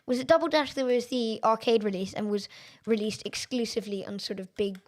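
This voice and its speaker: A woman streamer chatting through a racing game, excitable and quick to laugh at her own mistakes. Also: on the high side. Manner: chatty, excitable and self-deprecating. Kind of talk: live-stream gameplay commentary.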